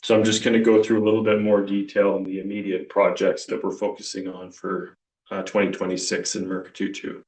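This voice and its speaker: Deep, flat man on a conference call. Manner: measured, technical, walks through slides with restarts. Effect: conference call audio. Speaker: company executive presenting operations. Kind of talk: earnings call presentation. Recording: roomy, distant conference call audio.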